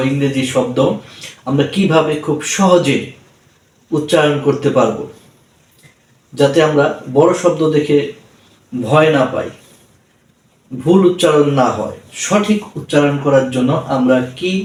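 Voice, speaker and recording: Slow, deliberate Bengali-accented male tutor. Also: fairly high pitch, roomy sound, recorded from a distance, poor audio. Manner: slow, syllable-by-syllable spelling and drilling. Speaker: English tutor. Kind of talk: pronunciation lesson.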